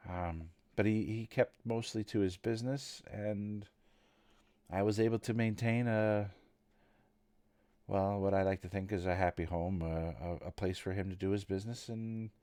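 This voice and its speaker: A fearful, grieving servant woman in a tabletop game, as the game master puts her on. She stumbles over her words and hesitates often, and a man gives her a low voice. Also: fairly even intonation, warm tone, clear, resonant tone, no echo, close to an everyday voice. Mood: fearful, hesitant. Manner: hesitant, halting speech.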